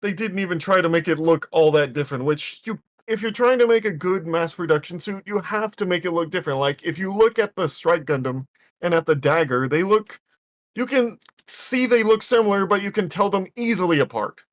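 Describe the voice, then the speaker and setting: A male podcast guest with a high, light voice. He is blunt, piling on phrases like "quite literally" to drive his point home. The talk is loose and casual. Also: brisk. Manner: blunt, repeats himself for emphasis. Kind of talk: casual chat.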